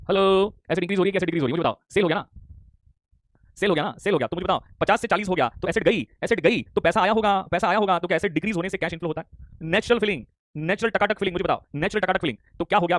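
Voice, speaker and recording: Fast, high-voiced joking male teacher. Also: no echo. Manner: playful, teasing students, reading chat replies aloud; repeats questions rapidly, pressing for answers. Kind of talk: live online commerce lecture in Hinglish. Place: online class.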